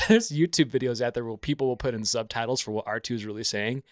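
A man's voice: medium pitch, fast talker, no room sound. A man with a mid-range voice chats in a jokey way on a podcast, full of "like" and asides. The sound is dry and close. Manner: chatty, repetitive "like", jokey asides. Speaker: podcast co-host. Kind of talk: casual podcast chat.

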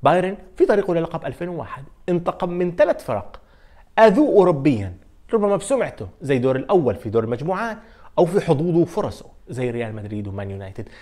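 A man with a Levantine Arabic accent hosting a football countdown video, telling the stories in a fast, animated way with frequent fillers. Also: fairly high pitch. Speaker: sports video host. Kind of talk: energetic football countdown commentary.

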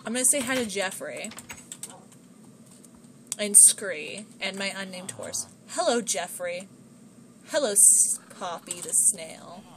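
A woman's voice: mid-range voice, expressive, slow, pauses often, background noise. A woman giving casual commentary while she plays a game, chatting to her pets in the game. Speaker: gameplay streamer. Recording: music playing behind.

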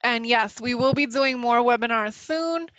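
A young woman hosting a webinar Q&A, a little nervous and halting, with a slightly sick voice. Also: fairly high pitch, a bit bright, no room sound. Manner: nervous, halting, many fillers and restarts. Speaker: webinar presenter. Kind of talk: live webinar presentation with Q&A. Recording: dull, lo-fi dry webinar audio.

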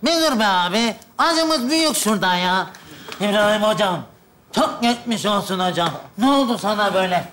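A man's voice: high-pitched, animated, normal speed, fairly bright tone, slight background noise. An actor playing a clumsy, greedy young man who chatters cheekily in a sketch comedy. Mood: cheeky. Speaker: friend visiting the hospital.

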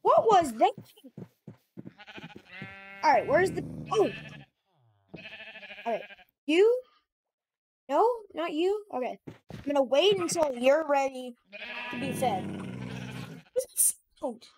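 Excitable high-voiced woman playing a game. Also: slow, pauses often. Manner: excitable, chatty, talks to her animals. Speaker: gamer. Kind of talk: casual gameplay commentary.

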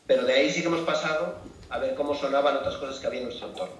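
A man's voice: mid-range voice, rapid-fire, a little hiss or hum. A man joining by video call, answering an audience question at a forum with many fillers and hesitations. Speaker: music education project presenter on video call. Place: remote, heard over a video call in a hall. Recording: distant echoey lo-fi call audio.

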